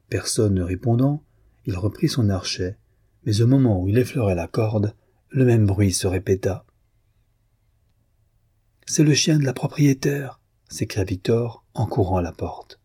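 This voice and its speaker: A man reading a story aloud in measured, expressive narration. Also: fairly low pitch, slightly rough, no room sound, studio quality. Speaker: audiobook reader. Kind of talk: scripted narration.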